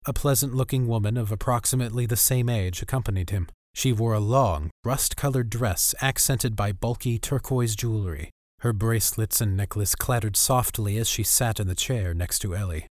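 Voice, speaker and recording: A man narrating a story aloud in a steady storytelling manner. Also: fairly low pitch, moderate pace, dry recording, clean studio sound. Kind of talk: audiobook narration.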